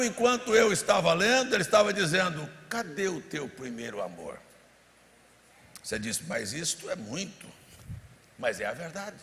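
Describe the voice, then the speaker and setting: High, gravelly Brazilian pastor preaching in a hall. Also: male voice. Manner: swings from low murmurs to shouted exhortation. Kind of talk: fiery sermon. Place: large church hall. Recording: live church hall with crowd and reverb.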